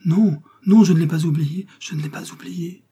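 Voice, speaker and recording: A man reading aloud, voicing a torn, passionate young man who speaks in an emotional, halting way. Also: mid-range voice, fairly even intonation, warm tone, breathy edge.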